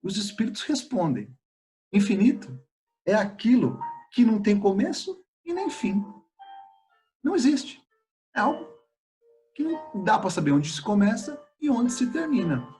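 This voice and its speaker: Faint music plays behind a man with a Brazilian Portuguese accent lecturing on spiritist study. His voice is high-pitched and sing-song with a darkish tone, and his delivery is measured and halting, with pauses and fillers.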